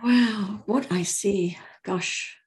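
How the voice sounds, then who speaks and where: A woman's voice: mid-range voice, very slow. Woman, 60s, life coach; thoughtful storyteller in a conversational interview. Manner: warm, reflective storytelling with frequent laughter.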